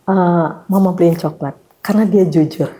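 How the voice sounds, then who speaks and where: A woman's voice: on the low side, normal speed. A woman teacher talking as a podcast guest in a casual interview, telling stories and acting out the lines of the people in them. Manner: lively storyteller who acts out quoted dialogue.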